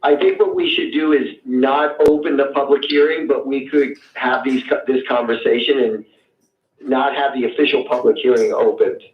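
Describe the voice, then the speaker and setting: A man's voice: medium pitch, fairly even intonation, moderate pace. A man on a phone line, calling into a public meeting as a board member and explaining procedure carefully. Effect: heard over a phone line. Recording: muffled, husky phone line.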